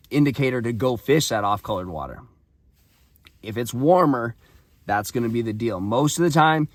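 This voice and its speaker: A hoarse man with a raspy voice, giving practical fishing advice straight to his viewers in a casual vlog. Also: mid-range voice, no room sound. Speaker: fishing channel host.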